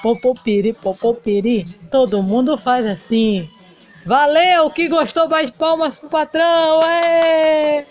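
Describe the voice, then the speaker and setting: A woman plays a heartbroken male doll bandleader, melodramatic and sing-song in a toy play-acting video. The voice sits high and drawls slowly. It comes through a dull lo-fi recording with band music faintly behind. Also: steady tone. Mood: showy singing.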